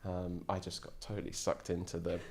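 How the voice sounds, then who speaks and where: A man's voice: low voice, completely flat delivery, a little fast, creaky, darkish tone. A man, a guest chatting enthusiastically in a casual interview and often restarting his sentences. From England. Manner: enthusiastic, rambling with frequent restarts. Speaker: podcast guest, ocean sailor.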